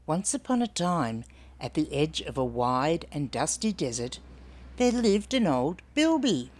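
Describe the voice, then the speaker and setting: An older Australian woman reads a storybook aloud to children, expressively and with questions for the young listeners. Her deep, slightly mellow voice is very animated, and she keeps a measured pace.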